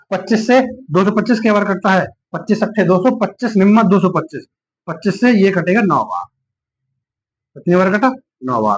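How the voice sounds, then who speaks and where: A man tutors maths step by step, patient and reassuring as he talks each calculation through aloud. His voice sits somewhat high for a man. The recording sounds dull and lo-fi.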